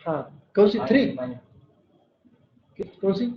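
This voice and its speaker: A man's voice: high-pitched, animated, slow pace. A male maths teacher giving a lecture in a classroom, explaining step by step and quizzing his students. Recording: echoey room, slightly dull sound.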